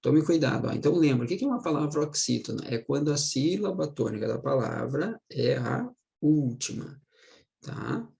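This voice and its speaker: A man teaching Portuguese in a casual online lesson. He keeps checking in with his students and slows down to stress words as he explains them. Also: medium pitch, animated, gravelly, a little mellow. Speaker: Portuguese teacher for exam prep.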